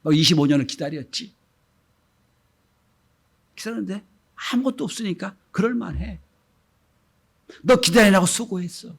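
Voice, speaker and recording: Male pastor, middle-aged, Sunday sermon; slightly high voice, swings from hushed to loud, acts out quotes. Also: lively intonation, moderate pace, vocal fry, pauses often, breathy edge. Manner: acts out gentle quoted speech, swings between soft and loud.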